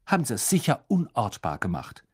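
A man voicing a clever know-it-all schoolgirl who explains things briskly. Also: mid-range voice, huge pitch swings, husky. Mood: lecturing. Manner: brisk and lecturing.

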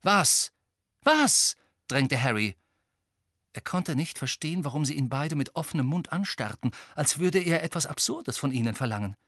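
A man narrating an audiobook with lively, tense storytelling. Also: a little high, a little fast, hardly any pauses, no echo, studio quality. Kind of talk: scripted narration.

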